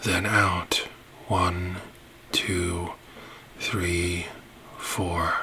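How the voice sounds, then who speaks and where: A man narrating a space-ship ASMR roleplay in a soft, soothing voice that drops into whispers. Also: low-pitched, flat delivery, very slow, a little hiss or hum, low-quality recording.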